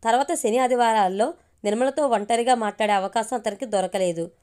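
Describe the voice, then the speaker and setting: A woman narrates a romantic audio story in a steady, even reading voice. Her pitch sits fairly high. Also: brisk.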